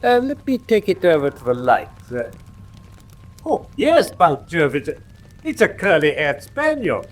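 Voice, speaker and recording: An English-accented actor voices a confident, teasing gentleman detective for a classic radio drama, precise in diction and theatrically condescending. He sounds keen and dramatic, his fairly high voice very animated yet unhurried.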